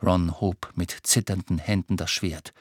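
A man reading an audiobook in a measured, expressive way. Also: deep voice, dry recording, clean studio sound. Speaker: audiobook narrator. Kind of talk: scripted narration.

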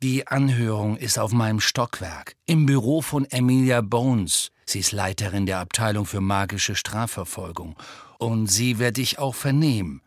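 A man's voice: fairly low pitch, normal speed, no room sound. A kindly middle-aged wizard father, cheerful and encouraging, in a storybook reading, as a male narrator puts him on. The sound is dry and close. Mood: reassuring.

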